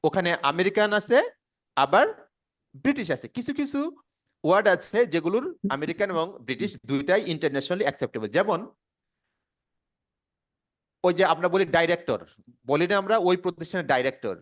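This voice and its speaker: A man with a Bangladeshi accent teaching English pronunciation to a class, repeating words slowly and quizzing the students. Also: high voice, animated, muffled recording. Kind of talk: classroom lesson. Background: students responding.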